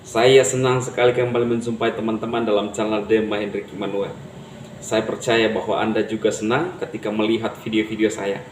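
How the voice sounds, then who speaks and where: A man's voice: fairly low pitch, flat delivery, brisk. A man hosting his own channel, giving a casual motivational talk to viewers in a chatty way, laughing at his own remarks. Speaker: channel host. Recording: echoey room with faint background noise.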